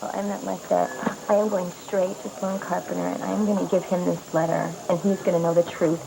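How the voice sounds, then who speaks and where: A woman's voice: fairly low pitch, little pitch movement, fairly quick, vocal fry, a crowd in the background, low-quality recording. An actress playing a young woman who confronts a schemer, indignant and emotional, in a soap opera. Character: young woman caught in lies, desperate, defiant. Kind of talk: 1980s soap opera acting. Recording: TV soap audio with loud music.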